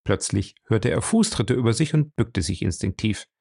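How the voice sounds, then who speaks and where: A male audiobook narrator reads in a measured, expressive way, his voice husky with a gravelly creak. His intonation moves lively up and down through the sentences. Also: on the low side. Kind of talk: scripted narration.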